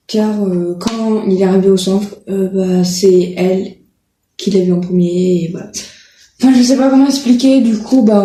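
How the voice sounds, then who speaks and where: A woman's voice: mid-range voice, dark tone, slight background noise. A woman chatting casually to her viewers, hesitant and full of filler sounds and self-corrections. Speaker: video creator. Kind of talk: casual chat presenting riding-school horses. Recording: roomy echo.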